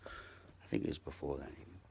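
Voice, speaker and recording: A man's voice: extremely low pitch, fairly even intonation, fairly quick, gravelly, dark tone, a little hiss or hum. A British man rambling casually to viewers from his bedroom, meandering between asides, with some trouble pronouncing his R sounds. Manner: meandering, digressive, talks to viewers. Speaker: vlogger. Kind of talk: casual, rambling vlog chat. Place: bedroom at home.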